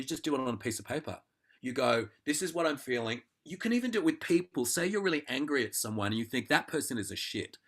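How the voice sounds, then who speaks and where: Lively man explaining an acting exercise. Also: on the low side. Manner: animated, acts out inner thoughts in quotes. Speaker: actor and acting teacher. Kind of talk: conversational interview.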